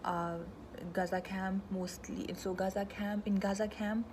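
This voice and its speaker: A woman's voice: mid-range voice, little pitch movement, measured pace, background noise. A woman, born in Pakistan and raised in Canada, explaining human rights in an informal talk, going through them one at a time. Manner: conversational, walks through items one by one.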